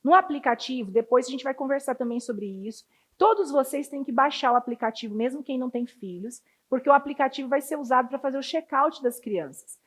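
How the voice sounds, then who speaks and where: A woman's voice: high-pitched, a little fast. A woman giving a casual training talk to children's ministry volunteers, chatty and full of anecdotes. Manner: chatty, storytelling, acts out children's voices.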